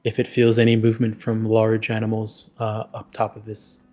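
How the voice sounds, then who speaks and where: A man playing a tabletop game, chatting casually and haltingly, often circling back on his phrases. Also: fairly low pitch, completely flat delivery, warm tone, soft background music.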